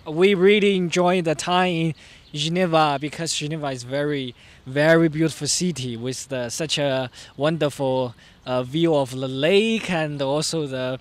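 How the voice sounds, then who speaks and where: A man from China, a tourist, haltingly describing the city in a street interview. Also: fairly high pitch.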